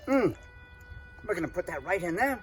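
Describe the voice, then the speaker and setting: A man's voice: sits high, very animated, moderate pace. Guy hosting a cocktail vid, gushy and rambly, lots of uhs, faint music behind. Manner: effusive, rambling, genteel, with frequent fillers. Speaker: cocktail show host. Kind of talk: casual cocktail-making chat.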